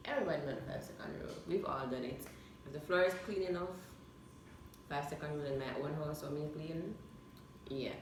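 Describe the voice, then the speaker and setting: A young woman talks casually to camera as a vlogger. Her voice is low in pitch. She sounds away from the mic, in a room with heavy echo. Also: brisk. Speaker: vlog host. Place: echoey room. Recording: echoey room, distant mic, clear noise.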